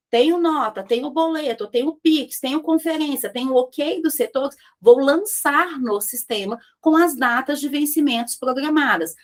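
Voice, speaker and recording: High-voiced woman teaching business. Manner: lively, talks to the audience directly, acts out dialogues. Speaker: business mentor. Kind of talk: business lesson.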